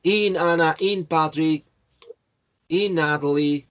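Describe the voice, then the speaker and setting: Slow-talking teacher. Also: male voice, a little high, lo-fi sound. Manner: slow, patient, correcting students by name. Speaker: English teacher. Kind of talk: online class, checking answers.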